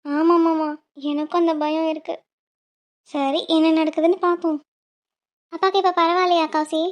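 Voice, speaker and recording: High voice doing the cartoon girls and the mom, worried then snappy. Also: level tone, normal speed. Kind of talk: animated Tamil cartoon voice acting.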